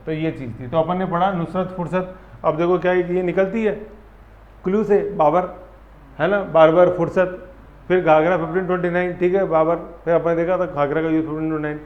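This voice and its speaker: Lively male teacher in an echoey room. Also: fairly high pitch, fairly quick. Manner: lively, with memory tricks and frequent "samajh gaye?" checks. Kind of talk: exam-prep classroom lecture. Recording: roomy, dull lo-fi classroom sound.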